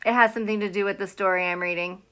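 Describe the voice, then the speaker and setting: A middle-aged American elementary teacher speaks very fast in a clear, resonant, medium-pitched voice while hosting a live read-aloud from a small room at home. She's animated and chatty with the kids, naming viewers and asking questions, with a phone or tablet at arm's length as the mic.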